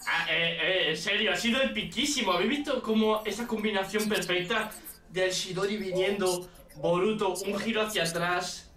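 A streamer with a Spain Spanish accent, giving excitable live reaction commentary and shouting and swearing at big moments. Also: mid-range voice, far from the mic, slight background noise. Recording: roomy, off-mic, music playing behind. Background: anime soundtrack.

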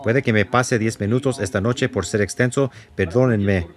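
A man's voice: lowish voice, normal speed. A man preaching a sermon and leading a prayer with fervour, repeating words and putting questions to the congregation.

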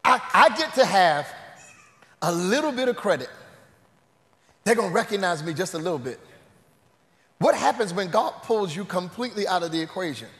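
Emphatic man preaching a sermon, high bright tone, big hall echo. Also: normal speed, pauses often. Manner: emphatic, shouts key phrases, animated asides. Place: church sanctuary. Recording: echoey church sanctuary.

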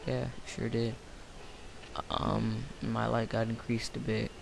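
Late at night in a room at home, a tired young man rambles through casual let's-play commentary. His medium-pitched voice is monotone and slow, with vocal fry, offhand delivery, lots of fillers, and a noisy background.

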